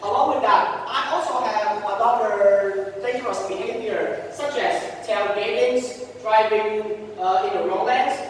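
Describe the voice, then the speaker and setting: A man's voice: high-pitched, a little slow, few pauses, heavy reverb, big-room sound. Young male student presenter, Vietnamese accent, explanatory delivery. Distant mic, faint noise. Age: young adult. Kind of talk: thesis defense presentation. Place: large echoing room indoors. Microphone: distant room microphone.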